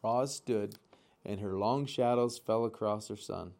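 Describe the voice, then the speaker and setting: A man reading a children's storybook aloud, expressive and speaking directly to his listeners. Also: lowish voice, a little slow, vocal fry. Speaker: audiobook reader. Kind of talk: storybook read-aloud with asides.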